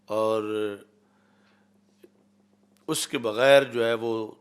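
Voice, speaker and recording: A man giving a hadith lecture, reciting Arabic passages and explaining them, going from loud emphasis to quiet storytelling. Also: fairly low pitch, steady tone, smooth. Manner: recites Arabic text then explains it in Urdu.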